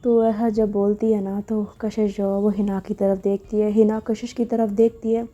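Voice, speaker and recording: A woman's voice: mid-range voice, level tone, normal speed, warm tone, muffled recording. A woman narrating a love story in a casual, conversational way, often adding a filler 'na'.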